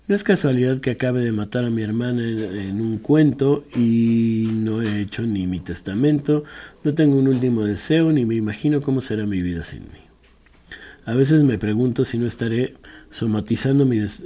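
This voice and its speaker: A man reading a personal essay aloud in a measured, reflective way, now and then correcting a slip. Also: mid-range voice, mellow. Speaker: reader.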